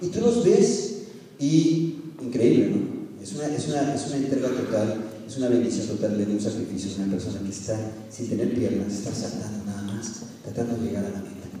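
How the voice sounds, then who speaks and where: A man's voice: on the low side, a little fast, recorded from a distance, slight background noise. A middle-aged man from Guadalajara with a Mexican accent, preaching and coaxing his listeners with games and laughter. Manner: animated, coaxing, laughing with the crowd. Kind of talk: lively sermon with audience games. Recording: echoey hall from afar with crowd.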